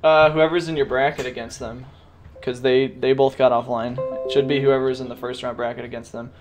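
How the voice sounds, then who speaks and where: A man's voice: medium pitch, little pitch movement, a little fast, music in the background. A man hosting and commentating a gaming tournament stream, chatty and joking with the live chat.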